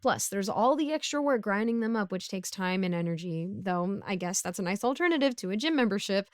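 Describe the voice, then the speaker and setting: A woman's voice: medium pitch, animated, a little fast, dry recording, studio quality, natural voice. A woman playing a broke, bumbling, chatty supervillain neighbor in a casual audio roleplay, rambling awkwardly as she pleads and justifies herself. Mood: sheepish rambling.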